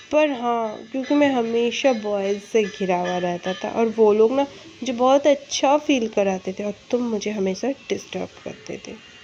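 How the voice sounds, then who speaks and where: A woman's voice: darkish tone, lightly acted. A woman voicing a taunting, manipulative young man. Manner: taunting, then shrill and pleading. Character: scheming, mocking young man, a manipulative ex-lover. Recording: muffled lo-fi recording.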